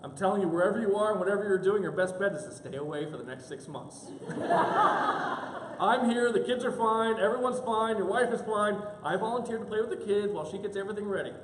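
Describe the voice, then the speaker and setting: This pastor's voice sits high and moves fast as he delivers a sermon in an echoey church sanctuary. He tells an animated story, voicing its characters in quoted asides, and there's a little hiss or hum on the recording.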